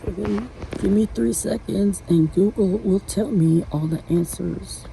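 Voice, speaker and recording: A woman in her late forties talking at home from her bed in a halting, rambling vlog monologue full of restarts. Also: mid-range voice, gravelly, dark tone, slight background noise, poor audio. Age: 40s. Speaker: vlogger.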